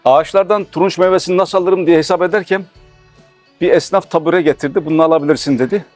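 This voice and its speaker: A man with a husky voice, asking questions as interviewer in a casual street interview. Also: on the high side, steady tone, fast, soft background music.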